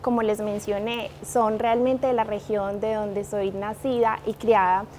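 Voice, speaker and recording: A woman's voice: mid-range voice, level tone, unhurried, darkish tone, slight background noise. A Colombian woman in her thirties with a Manizales accent, talking earnestly as an interview guest. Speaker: guest, liquor brand manager. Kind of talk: interview conversation.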